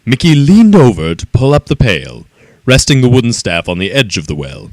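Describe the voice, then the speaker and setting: A man reading a children's story aloud in an expressive, animated way. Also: medium pitch, normal speed, no echo.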